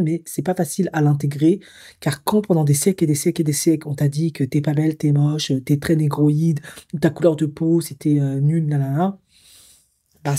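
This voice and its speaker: A woman from Africa comments in her vlog. Her low, husky, mellow voice drifts along as she reflects aloud. She hesitates often as she weighs her opinions. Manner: musing and hesitant, thinking aloud with frequent fillers. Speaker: psycho-emotional coach. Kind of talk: commentary vlog, partly reading an article aloud.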